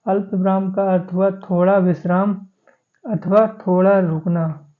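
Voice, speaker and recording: Flat-voiced Hindi grammar teacher, tinny audio. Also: male voice, sits high. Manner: steady, listing points by number. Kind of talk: exam-prep grammar lesson.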